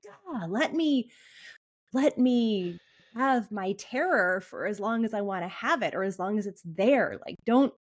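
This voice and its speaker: A woman's voice: medium pitch, animated, a little slow, slightly rough. A woman co-hosting a podcast, speaking in a candid, frank way. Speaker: podcast co-host. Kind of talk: casual podcast conversation.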